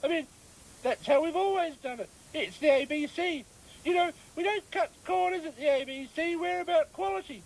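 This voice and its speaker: A performer voicing a chatty, self-important male dog in a radio comedy sketch, in a squeaky put-on voice. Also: normal speed, gravelly, rough recording.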